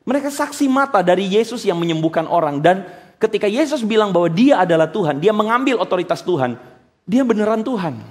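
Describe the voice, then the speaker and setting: A male preacher with a high voice that leaps up and down as he delivers an animated sermon. He fires off rhetorical questions and drops into casual slang. His voice carries a long hall reverb. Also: brisk.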